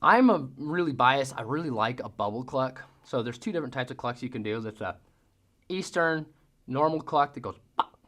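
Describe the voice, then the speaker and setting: A man's voice: medium pitch, animated, moderate pace, fairly bright tone. A man giving a casual how-to lesson as a hunting-call instructor, talking in a folksy way. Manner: folksy, mimics sounds with vocal demonstrations.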